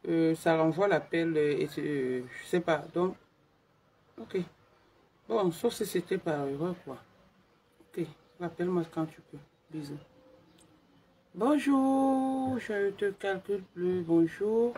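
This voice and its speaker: Woman live-streamer, hushed and quiet, slow unhurried delivery, phone mic. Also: lowish voice, a little hiss or hum. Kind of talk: casual live stream chat.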